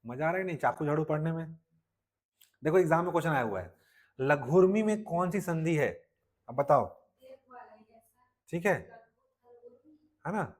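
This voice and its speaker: A man's voice: on the high side, animated, normal speed, long pauses. A male teacher with a Chhattisgarhi Hindi accent, giving a classroom grammar lecture and constantly asking his students questions.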